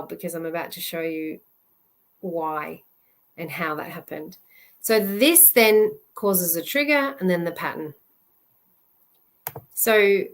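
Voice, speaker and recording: A woman love coach giving a live presentation in an earnest, halting way, often restarting her sentences. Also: on the low side, fairly bright tone.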